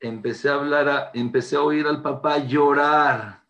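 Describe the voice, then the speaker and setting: A man's voice: fairly high pitch, fairly even intonation, moderate pace, fairly bright tone, muffled recording. A man giving an inspirational religious talk, telling a story earnestly and mixing Hebrew religious terms into his speech. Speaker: religious speaker.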